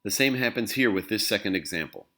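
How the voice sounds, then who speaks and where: A man giving a scripted lesson in a clear, patient way, explaining pronunciation to learners. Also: on the low side, animated, fast, a bit bright. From English-speaking country. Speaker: language teacher. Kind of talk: scripted instructional narration.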